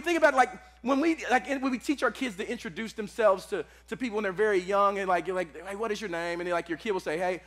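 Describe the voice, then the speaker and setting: A pastor preaching to a live church congregation. He is casual and energetic, and he uses slang and repeats his phrases. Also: high-pitched.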